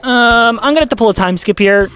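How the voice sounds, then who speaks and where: A YouTube video essayist delivers casual commentary mixed with scripted narration, sounding exasperated and sarcastic and swearing freely. The voice is mid-range and brisk, with music playing in the background.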